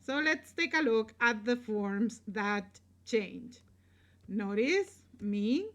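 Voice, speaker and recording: Woman teacher, fairly high voice, very slow and deliberate delivery, patient explainer for a recorded class. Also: lively intonation, a bit bright. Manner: slow, patient explaining with frequent "right?" checks. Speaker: Spanish teacher. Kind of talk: recorded grammar lesson.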